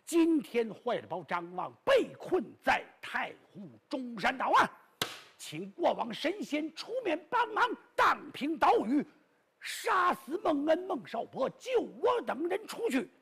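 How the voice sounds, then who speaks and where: A male storyteller voicing a boastful, cowardly bluffer who stammers and talks fast, with a raspy voice. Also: extremely high pitch, big pitch swings, fairly bright tone, voice pushed up, heavily acted. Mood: mock chanting.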